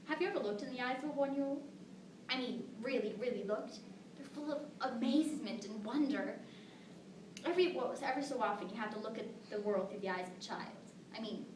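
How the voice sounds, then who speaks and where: A woman performing as a fond young mother in a stage monologue. She has a fairly high voice and chats to her listeners as she tells her story, heard across an echoing room. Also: lightly acted. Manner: conversational storytelling, rhetorical asides to listeners. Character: devoted young mother fondly recalling her daughter. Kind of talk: dramatic monologue performed at a competition. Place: echoing room, recorded from a distance. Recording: roomy, distant mic with faint noise.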